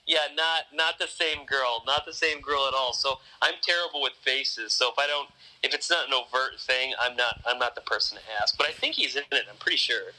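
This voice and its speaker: Very bright-voiced man rambling. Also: medium pitch, brisk, rough recording. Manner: rambling, thinks out loud with many restarts. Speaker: podcast host. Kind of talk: casual podcast chat.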